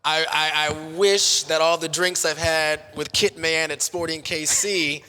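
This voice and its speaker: An American man chatting casually as an interview guest, effusive and quick to poke fun at himself. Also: fairly high pitch, fairly even intonation, sharp tone, slight background noise. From Kansas City, United States. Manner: self-deprecating, effusive. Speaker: interview guest, sports stadium host and hype man. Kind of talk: casual chat. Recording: long hall-like reverb on voice.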